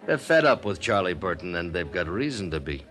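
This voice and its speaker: In a 1950s radio drama, an actor plays a tipsy, world-weary, middle-aged radio producer who rambles theatrically, laughs and speaks in a confiding mood. His male voice sits low, with a sing-song, slightly fast delivery and a fairly bright tone.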